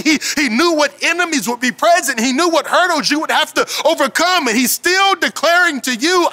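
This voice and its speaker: A man in his thirties delivers a sermon from an indoor stage, speaking into a headset mic. His voice sits high and bright. He repeats key phrases for emphasis and sinks into quiet, low declarations. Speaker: pastor. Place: indoor stage with string lights.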